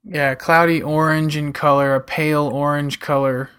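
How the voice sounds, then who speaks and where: A man co-hosting a beer review, describing a beer's look and smell in an easygoing, pausing way. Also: a little high, flat delivery, a bit bright, smooth. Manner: easygoing, describing aromas with pauses. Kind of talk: casual tasting review.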